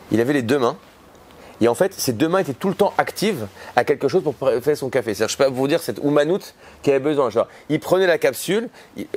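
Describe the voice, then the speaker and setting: French-speaking rabbi telling stories. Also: male voice, on the high side, a little mellow. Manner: informal, storytelling, acts out voices in quotes. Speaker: rabbi giving a talk. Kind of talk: lively conference talk with stories.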